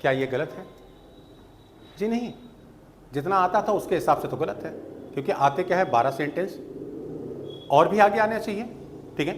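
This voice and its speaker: Guy teaching english, slow and patient, bit high voice, faint noise behind. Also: expressive. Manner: slow, patient explaining with checks like "theek hai?". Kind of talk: spoken English lesson.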